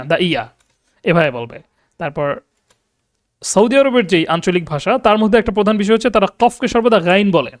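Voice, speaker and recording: High-voiced man teaching a class. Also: no room sound, studio quality. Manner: explanatory, checks with "ঠিক আছে?" often; many hesitation fillers. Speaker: Arabic teacher. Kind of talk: online class lecture.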